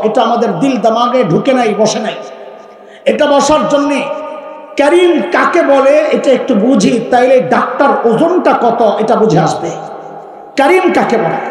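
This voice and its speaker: A man from Bangladesh preaching a sermon to a gathering with passion, firing questions at the crowd for answers and chanting scripture verses in a sung tone. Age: adult with grown children. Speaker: Islamic preacher. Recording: booming echo with long hall reverb.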